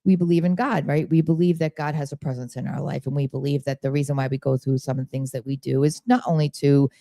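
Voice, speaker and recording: An earnest woman hosts a radio interview in a dry studio. Her mellow voice leans on key words with emphasis. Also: sits low, steady tone, fast talker, no echo. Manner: earnest, emphatic, talks of faith. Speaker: radio host. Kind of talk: casual interview.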